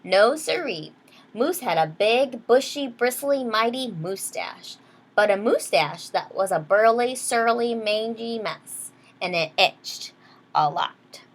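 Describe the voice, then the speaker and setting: Slow and expressive, a woman with a fairly high voice reads a picture book to small children. As a teacher leading storytime, she explains things plainly and asks the kids questions along the way.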